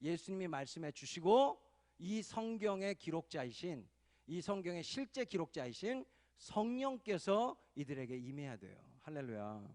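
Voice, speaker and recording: A male pastor preaching an impassioned sermon at a church retreat, calling out hallelujahs and swelling into loud pleading cries. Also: on the high side, sing-song, normal speed. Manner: calls for amens and hallelujahs from the congregation. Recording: reverberant hall recording.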